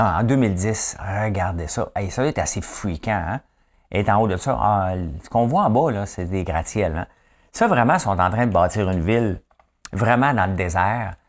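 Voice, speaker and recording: A man in his fifties with a Quebec French accent, hosting a casual, folksy news chat and often asking his listeners questions. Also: low voice. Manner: chatty, folksy, keeps asking "hein?". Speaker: host.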